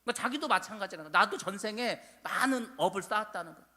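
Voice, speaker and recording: A man's voice: high-pitched, animated, rapid-fire, sharp tone. A man preaching a sermon as pastor in a church, telling stories and acting out quoted speech with animation. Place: church sanctuary. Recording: long reverb of a church hall.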